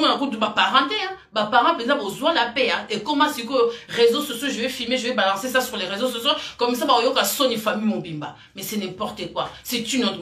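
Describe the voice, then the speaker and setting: A woman's voice: fairly high pitch, pushed and bright, roomy sound. A woman gives emphatic, rambling commentary straight to camera and repeats her points often. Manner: emphatic, repetitive, rambling, addresses viewer as "ma chérie". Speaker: vlogger.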